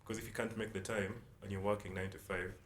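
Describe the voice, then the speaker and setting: Low-voiced man from South Sudan, relaxed. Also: fast talker. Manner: relaxed, rambling, often restarts with "like" and "you know". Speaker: musician guest. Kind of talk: casual interview talk. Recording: echoey room with faint noise.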